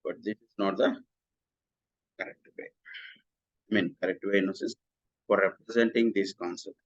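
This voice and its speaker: A man's voice: low-pitched, normal speed, muffled recording. A man giving a recorded programming lecture, explaining step by step and often repeating himself. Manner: repetitive, steady explaining, often restates lines. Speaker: programming instructor.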